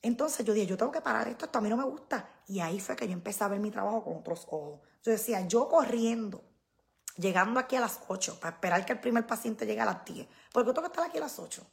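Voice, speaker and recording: A woman's voice: fairly high pitch, a bit bright. A middle-aged woman, talking casually and emphatically to her viewers, often repeating herself. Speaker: vlogger. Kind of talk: casual live-stream talk to viewers.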